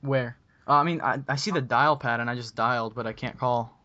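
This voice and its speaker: A man's voice: mid-range voice, fairly quick, pushed and bright, no echo. Young male podcast host, rambling casual delivery, muffled dry headset sound. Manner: rambling, many ums and restarts.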